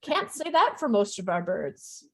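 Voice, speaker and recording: A woman's voice: mid-range voice, a little slow. A woman hosting a live online adoption fair, chatting and laughing with a guest over a video call. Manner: chatty, lively, laughs often. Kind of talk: live online chat interview.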